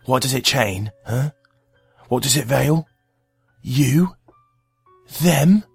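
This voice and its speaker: An actor playing a hunched, squat male servant with a rasping, croaking voice and a sly, fawning manner. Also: medium pitch, lively intonation, slow pace, dry recording, faint music behind, exaggerated voice. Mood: taunting. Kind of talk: audio drama acting.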